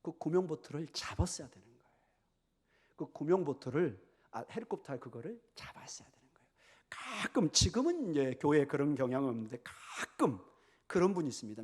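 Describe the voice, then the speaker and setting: A man preaching in a church sanctuary, his voice sitting a little high for a man. He tells the story with swooping pitch, playing the characters and dropping to sudden whispers. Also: slightly rough. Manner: animated storytelling, acts out characters, drops to whispers. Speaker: pastor. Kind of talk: sermon.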